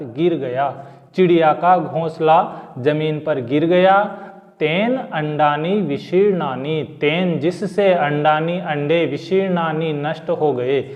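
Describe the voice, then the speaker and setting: Man, teacher, word-by-word lesson explanation, slow and careful, lo-fi echoing audio. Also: on the high side. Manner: reads a word, then glosses it in Hindi, then restates the sentence. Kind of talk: line-by-line Sanskrit lesson explanation. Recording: lo-fi with long reverb.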